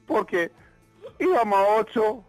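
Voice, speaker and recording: An older man with a Murcian accent and a squawky, cracking voice, telling a casual anecdote in a halting, stammering way as a caller. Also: high-pitched, lively intonation, a little mellow, dry recording, soft background music. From Murcia, Spain. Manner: halting, stammering, repeats words.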